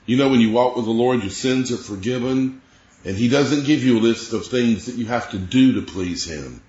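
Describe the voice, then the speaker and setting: A man's voice: mid-range voice, normal speed, a little mellow, muffled recording. Earnest male preacher in a roomy space. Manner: earnest, explanatory, reading scripture aloud. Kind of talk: sermon.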